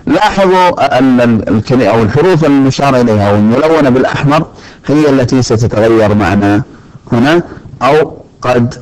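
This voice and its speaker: A man at a medium pitch gives a recorded grammar lesson. He speaks slowly and deliberately, with frequent fillers and repeated words as he lays out each rule. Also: animated, darkish tone, rough recording. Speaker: English teacher. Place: lecture recording.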